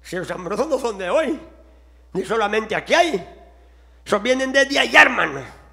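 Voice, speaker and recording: A man preaching a sermon to his congregation, swinging between quiet questions to the audience and shouted exhortations. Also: high voice, big pitch swings, moderate pace, gravelly.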